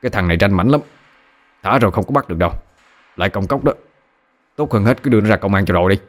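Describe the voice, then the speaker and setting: A man's voice: lowish voice, lively intonation, fast. Man doing a blunt, mocking bald thug.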